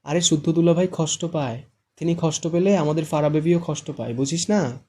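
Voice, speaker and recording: A man's voice: fairly high pitch, a little fast, dark tone, breathy edge, voice pushed up. A man voicing a teasing, chatty young female student friend in an audiobook.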